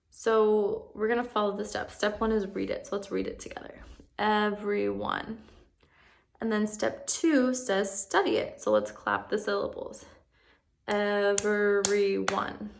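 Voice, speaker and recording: A young woman teaching first graders in a recorded lesson, slow, patient and encouraging, drawing words out syllable by syllable. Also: medium pitch, vocal fry. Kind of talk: remote classroom lesson.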